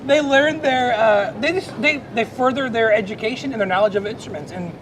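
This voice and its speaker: A man's voice: brisk, fairly bright tone. A middle-aged man talking earnestly and with feeling in a casual chat, with many restarts. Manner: earnest, emotional, rambling with restarts. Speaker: Salvation Army officer. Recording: noisy background rumble.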